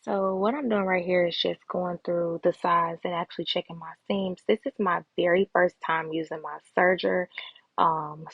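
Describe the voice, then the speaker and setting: A woman's voice: fairly low pitch, vocal fry, a bit bright, breathy edge, muffled recording. A woman giving a casual, chatty voice-over tutorial, her speech slightly slurred by a retainer she is wearing. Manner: chatty, informal, addresses viewers as y'all. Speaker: host of a sewing vlog.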